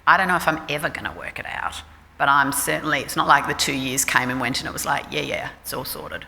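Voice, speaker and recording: A middle-aged Australian clinical psychologist gives an informal public talk in a forum hall, frank, conversational and self-deprecating. Her voice is very deep and sharp, fast, with fairly even intonation. The hall is reverberant with faint ambience and slight background noise.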